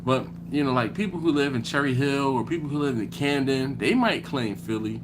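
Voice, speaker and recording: A Philadelphia man hosts a barbecue livestream, casually chatting and reading comments over a noisy background. His medium-pitched voice is brisk, and he animatedly acts out back-and-forth dialogues.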